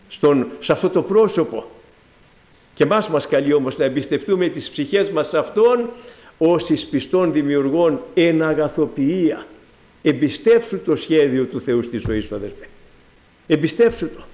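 Emphatic high-voiced preacher. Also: male voice. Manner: emphatic, rising to exclaim then dropping low on address to listeners; ironic, mocking asides. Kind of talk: sermon.

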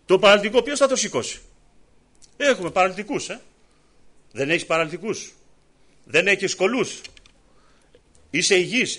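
A man preaching a sermon with passion, full of fillers and repeated phrases, who climbs high on his appeals and drops low when he calls the congregation brothers. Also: fairly bright tone. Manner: impassioned, rises high in pitch on appeals, drops low on "αδελφοί". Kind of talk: evangelical sermon.

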